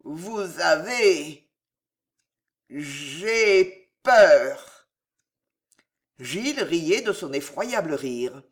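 A narrator reading a French novel aloud in a calm, measured way. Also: medium pitch. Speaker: audiobook narrator. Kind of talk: scripted narration.

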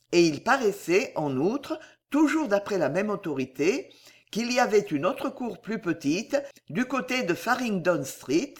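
An audiobook narrator reading a classic novel chapter in a measured, literary manner. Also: medium pitch. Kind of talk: scripted narration.

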